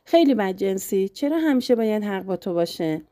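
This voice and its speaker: Narrator as sulky young wife; begging, stubborn, close dry read. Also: female voice, medium pitch, lively intonation, dark tone, dry recording, lightly acted. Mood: hurt, stubborn. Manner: pleading, stubborn.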